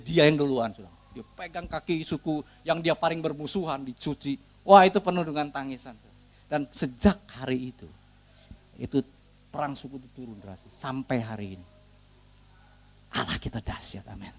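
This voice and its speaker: A middle-aged male preacher with a Sundanese-tinged Indonesian accent tells a story in a sermon. He keeps calling his listeners "saudaraku" and moves between soft asides and loud, fervent exhortation. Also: medium pitch, fairly quick.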